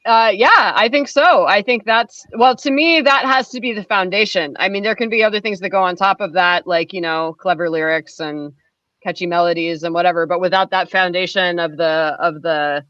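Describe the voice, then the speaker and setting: A woman's voice with a bright, forward edge talks things through thoughtfully, circling back with small hedges. The sound is dry and close, with no room around it. The recording is a little dull and lo-fi. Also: fairly low pitch, moderate pace, no room sound. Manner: thoughtful, hedging with fillers. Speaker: percussionist guest. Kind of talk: conversational interview answers.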